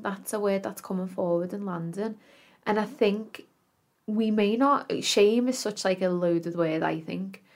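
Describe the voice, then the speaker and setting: A woman's voice: medium pitch, vocal fry. A woman podcast host speaking in an earnest, affirming self-help influencer manner, reflecting aloud and addressing the listener directly.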